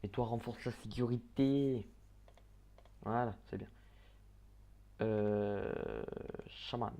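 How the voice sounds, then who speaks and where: A man giving casual gameplay commentary, chatting, swearing and muttering quick orders at the characters on screen. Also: fairly low pitch, creaky, mellow. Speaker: let's play gamer.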